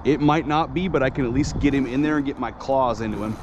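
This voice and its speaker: A man talks outdoors by a lake, excited as he works a fish, in a casual back-and-forth. The recording is dull and muffled, with clear wind and outdoor noise over his voice. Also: medium pitch, fast talker. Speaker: angler filming a catch with his spouse. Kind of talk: casual chat while fishing. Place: outdoors on a lakeshore.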